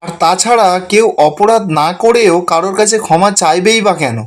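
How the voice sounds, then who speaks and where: A man's voice: sits high, normal speed, close to an everyday voice. A man reading the lines of a defiant young bride who stands up for her family, speaking firmly. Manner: firm, defiant.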